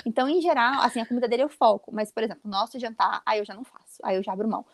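Fast-talking animated Brazilian woman. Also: a little high, no echo. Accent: Brazilian Portuguese. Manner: animated, quick, emphatic storytelling. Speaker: podcast co-host. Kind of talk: casual chat.

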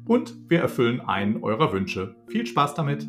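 A man's voice: mid-range voice, very animated, moderate pace, roomy sound, music in the background. A man hosting a story podcast and reading part of a fairy tale.

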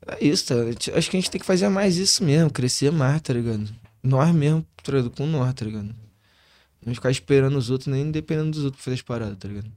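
Fast-talking Rio guy, heavy street slang. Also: mid-range voice, a little mellow. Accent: Rio de Janeiro. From Rio de Janeiro, Brazil. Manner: slangy, constant tag phrases. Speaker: interview guest, hip hop musician.

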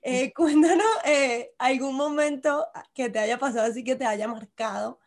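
A woman hosts a casual interview and reacts to her guest with enthusiasm. She affirms what she hears and asks follow-up questions. Her voice sits a little high. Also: fairly even intonation, normal speed. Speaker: interviewer, host.

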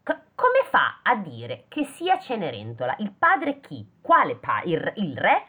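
Woman, casual storytelling, lively pitch, lowish voice, telephone-thin sound. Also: measured pace, husky. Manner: reads then breaks off to joke and question the text. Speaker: podcast co-host reading a fairy tale. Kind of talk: casual chat, reading aloud with commentary. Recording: phone-like lo-fi audio.

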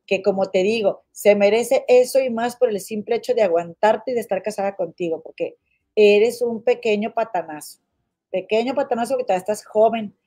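Mexican woman, livestream host, warm mellow voice, chatty, blunt, gossipy. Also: medium pitch. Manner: chatty, gossipy, blunt, calls viewers comadres. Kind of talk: casual livestream chat reading viewer comments.

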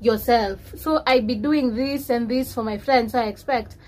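A woman's voice: a little high, moderate pace, a little mellow. A woman with a Kenyan accent chatting casually as a podcast co-host, slipping between English and Swahili slang.

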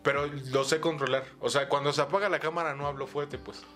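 A Mexican man co-hosting a podcast, his voice sitting somewhat high as he talks loudly and swears freely. He acts out other people's lines in an even higher voice. Faint music plays behind him. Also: brisk. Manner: loud, animated, swearing, acts out quotes in a high voice. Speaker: podcast co-host. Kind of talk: casual crude banter.

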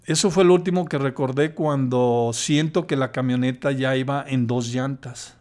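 Older guy telling his story slow, lots of stops and restarts. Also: mid-range voice, darkish tone. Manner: hesitant, halting, with many restarts. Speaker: podcast guest. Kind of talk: personal storytelling.

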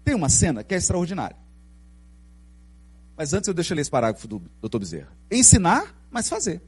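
A middle-aged Brazilian man with a Brazilian Portuguese accent giving a spiritist lecture, telling stories in an animated way and asking the audience questions. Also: on the high side, fairly quick, breathy edge. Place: lecture hall.

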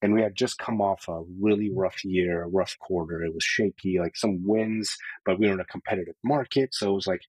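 A man's voice: sits low, brisk, few pauses, a little mellow, husky, dry recording, poor audio. A man telling his story openly and earnestly as a podcast guest, with many casual filler words. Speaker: podcast guest, sales leader. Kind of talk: candid personal storytelling.

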